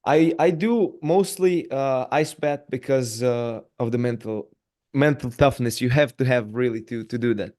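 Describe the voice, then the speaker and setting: Male podcast host, casual chat, halting, lots of fillers, mid pitch. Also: darkish tone. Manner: halting, many fillers and repeated yeahs.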